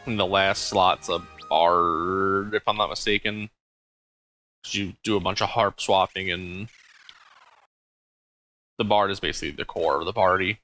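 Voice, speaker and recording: Bright-voiced man commenting on gameplay. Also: low-pitched, steady tone, measured pace, pauses often, faint music behind. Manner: thinks aloud with frequent ums and uhs. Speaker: let's play host.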